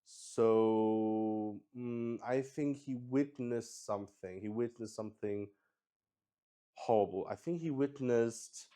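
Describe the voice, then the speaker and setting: Hosting and playing a solo tabletop roleplay, this man improvises the narration in a lowish, somewhat mellow, clean voice. He muses out loud with hesitation, frequently saying things twice.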